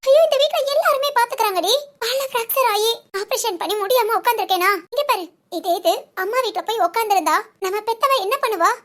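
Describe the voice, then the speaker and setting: A woman's voice: very high voice, lively intonation, fast, hardly any pauses, fairly bright tone. A woman voicing an anxious, injured young married woman in a cartoon, talking in a tearful, pleading way. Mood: earnest. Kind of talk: cartoon voice acting.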